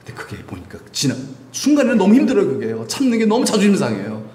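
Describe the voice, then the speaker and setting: A middle-aged male pastor preaching a sermon in a church, lively and humorous, often asking the congregation questions. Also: high voice, quick pace, a little hiss or hum. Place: church sanctuary. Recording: echoey room, faint ambience.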